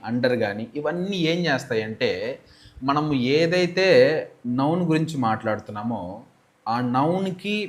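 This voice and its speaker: A man with a Telugu accent teaching English grammar, explaining step by step and often asking and answering his own questions. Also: medium pitch. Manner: reads example sentences slowly and deliberately. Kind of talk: grammar lesson.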